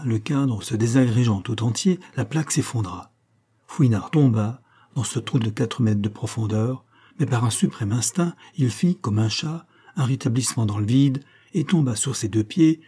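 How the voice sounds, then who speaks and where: Narrateur de livre audio, conte dramatique, timbre sombre et feutré. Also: male voice, medium pitch, mellow, husky. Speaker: audiobook reader. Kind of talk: audiobook narration of a crime novel.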